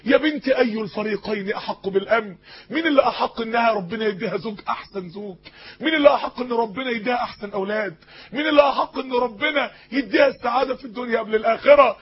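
A man's voice: very high voice, fast talker, muffled recording. A man with an Egyptian Arabic accent preaching a sermon, pleading passionately with young women and often repeating words as he searches for them. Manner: impassioned, pleading, addressing young women directly.

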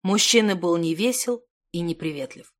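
A woman calmly reading fantasy narration for an audiobook. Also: fairly low pitch, moderate pace. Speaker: audiobook reader. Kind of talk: scripted narration.

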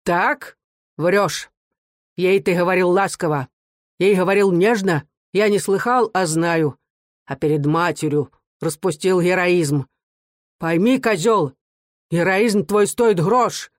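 A narrator voicing a gruff, mockingly teasing man who is kind at heart. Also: medium pitch, slow pace, dry recording, studio quality, close to an everyday voice. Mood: scolding. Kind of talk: audiobook character reading.

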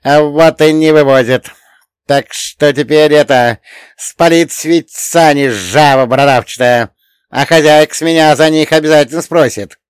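A man voicing a sly, excitable old frost spirit who drives a sleigh, with a folksy, coaxing manner. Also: normal speed, clear, resonant tone, dry recording, clean studio sound, close to an everyday voice. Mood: grumbling. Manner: folksy, coaxing, loud and high.

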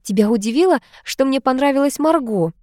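A woman's voice: high voice, lively intonation, brisk, a little mellow, no echo, studio quality, pitched above the performer's own voice. A woman reading an audiobook, voicing a gracious older society lady who speaks in a mentoring tone.

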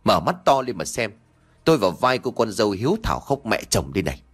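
A man's voice: sing-song, fast talker, breathy edge. A man voicing a cruel, scheming middle-aged village wife who wails falsely and snaps sharply. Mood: sneering. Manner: shrill wailing, sharp-tongued.

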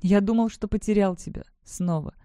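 Reader voicing a gentle young brother. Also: mid-range voice, fairly even intonation, normal speed, no room sound, studio quality, natural voice. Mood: tender.

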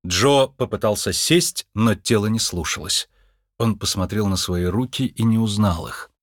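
A man reading a children's novel aloud as an audiobook narrator, with an expressive delivery. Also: on the low side, unhurried, no room sound, clean studio sound.

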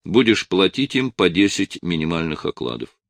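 A man reading an audiobook voices a gruff police officer who gives curt, brisk instructions. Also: low-pitched, big pitch swings, no room sound, clean studio sound, full character voice.

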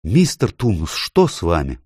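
A man's voice: low voice, wildly swooping pitch, normal speed, a little mellow, slightly rough, no echo, studio quality, exaggerated voice. A man voicing a kind, anxious young girl in a storybook reading, pleading and asking urgent questions. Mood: alarmed.

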